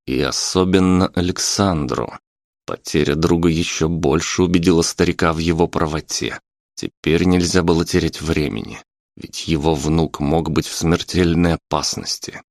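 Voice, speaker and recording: A man reads an audiobook in a very deep voice, steady and even. The recording is dry and close, with no room sound. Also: no echo. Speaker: audiobook narrator. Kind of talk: scripted narration.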